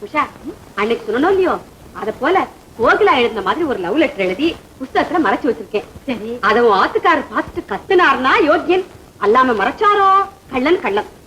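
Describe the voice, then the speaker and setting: Squeaky sharp-tongued nosy lady, scolds and nags a lot, old film comedy. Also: big pitch swings, fairly quick, slight background noise, full character voice. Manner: scolding, theatrical. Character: scolding, gossiping woman, quick-tongued and dramatic. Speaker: film character, meddling neighbour. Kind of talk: 1960s Tamil film comedy acting.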